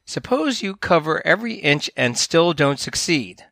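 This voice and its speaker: A man voicing a curious, polite moth who asks gentle questions in a storybook reading. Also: on the high side, very animated, normal speed, gravelly, no room sound, clean studio sound, voice pushed up, full character voice. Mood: gently probing.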